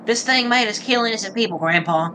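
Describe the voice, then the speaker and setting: A man voicing a frightened young grandson, speaking fast in a high, urgent voice. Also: bright, forceful tone, a little hiss or hum. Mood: panicked. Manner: rushed, high-pitched and urgent. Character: young male grandson, panicked.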